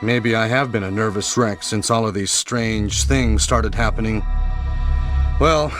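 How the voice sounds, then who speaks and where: A man's voice: fairly low pitch, measured pace, a bit bright. An actor playing an uneasy middle-aged man in an old video game, with wooden, oddly stressed, amateurish delivery over music. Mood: evasive, uneasy. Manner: stilted, wooden bad acting with odd emphasis.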